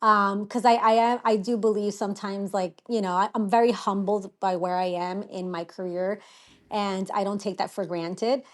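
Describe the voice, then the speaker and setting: A woman's voice: mid-range voice, steady tone, normal speed. Chatty, modest woman interior designer. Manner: modest, chatty, many "you know" fillers. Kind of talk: casual interview chat. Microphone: phone or remote line.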